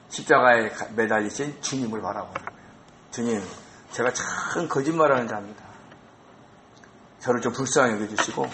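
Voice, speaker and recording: A male pastor preaching an expository sermon in a church, animated and asking the congregation rhetorical questions. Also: fairly high pitch. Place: church sanctuary. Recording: roomy echo.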